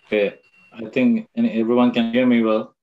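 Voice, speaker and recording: A man's voice: medium pitch, little pitch movement, fairly quick. Man on dull lo-fi audio. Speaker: participant, asylum seeker. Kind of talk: casual group conversation.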